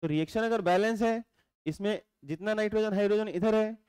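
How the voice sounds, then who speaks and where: A male teacher, giving a chemistry lecture, explaining slowly and repeating points while quizzing his students. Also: high voice, darkish tone, clear, resonant tone, no room sound. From India.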